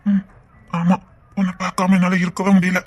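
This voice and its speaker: A woman with a Tirunelveli accent playing a rough young man who talks tenderly and earnestly to his lover. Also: fairly low pitch, monotone, normal speed, darkish tone, close to an everyday voice. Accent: Tirunelveli Tamil. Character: young man Vicky, rough rowdy with a soft heart. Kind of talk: web series drama.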